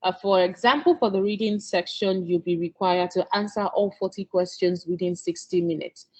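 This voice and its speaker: Speaking at normal speed in a lowish, steady voice, a Nigerian woman, Yoruba by first language, teaches an exam-prep lesson. She is earnest, coaxes her listeners, and keeps checking with "okay?".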